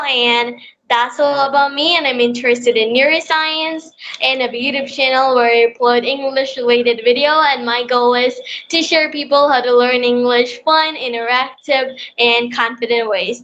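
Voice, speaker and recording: A young speaker from Bangladesh, still in school, eagerly hosting an English conversation practice call. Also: female voice, high-pitched, a bit bright, highs cut off. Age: child in sixth class. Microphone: online call.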